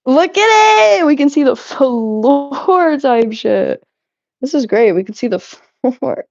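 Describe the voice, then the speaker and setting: Streaming as she cleans, this young woman talks casually with her audience, laughing and cursing often. She speaks slowly in a high-sitting, darkish voice with lively intonation and vocal fry. There is no echo, and the sound is dry and a bit muffled.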